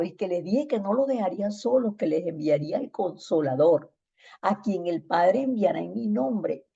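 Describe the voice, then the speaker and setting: A woman leads a church discipleship lesson in a low, dark voice with a husky edge. She tells everyday stories animatedly and acts out the other people's replies. The recording sounds dull and lo-fi. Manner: animated storytelling, acting out text-message exchanges. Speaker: discipleship teacher.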